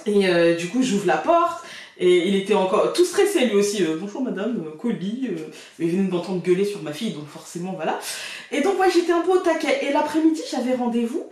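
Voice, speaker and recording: A woman's voice: mid-range voice, animated, brisk, darkish tone. A woman vlogger telling a story in a chatty, colloquial way, laughing often. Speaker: card reader and vlogger. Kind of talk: casual storytelling to camera. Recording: very echoey room, far from the mic.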